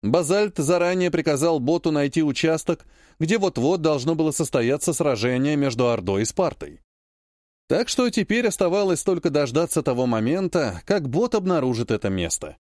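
A man giving scripted, expressive narration of an audiobook. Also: fairly high pitch, moderate pace, dry recording, clean studio sound.

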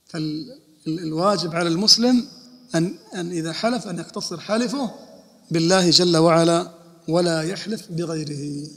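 A man's voice: on the high side, normal speed, vocal fry, a bit bright. A man, an Islamic scholar, giving a religious lesson and explaining rulings by posing and answering his own questions. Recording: long hall reverb.

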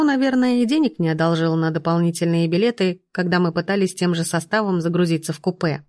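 A woman reading a first-person fantasy novel aloud, lively, lifting her voice for the characters. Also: on the low side, dry recording, studio quality. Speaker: audiobook narrator.

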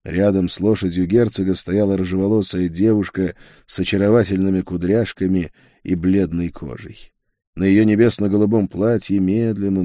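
Casting: male audiobook narrator, low mellow voice, steady measured reading, fantasy novel. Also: dry recording, clean studio sound.

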